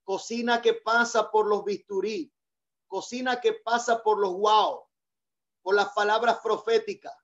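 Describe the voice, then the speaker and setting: A man's voice: high voice, fairly even intonation, a little slow, fairly bright tone, dull audio. A male pastor preaching a sermon, leading call-and-response and repeating key phrases for emphasis.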